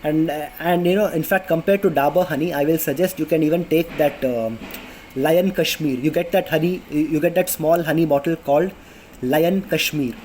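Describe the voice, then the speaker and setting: A man in his twenties with an Indian English accent vlogs casually about health tips, full of fillers and restarts, in a fairly high, darkish voice at moderate pace. He's in a city apartment under flight paths, so planes pass overhead, and the audio is poor with slight background noise.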